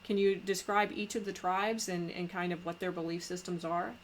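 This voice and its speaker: Halting woman podcast host, lowish voice. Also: little pitch movement, slight background noise. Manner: halting, many fillers and restarts. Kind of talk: casual conversation.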